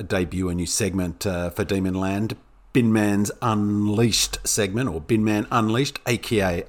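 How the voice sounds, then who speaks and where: An Australian man with a croaky, hoarse voice from being sick, giving an informal, opinionated sports podcast monologue in a halting way. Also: sits low. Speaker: podcast co-host, football pundit.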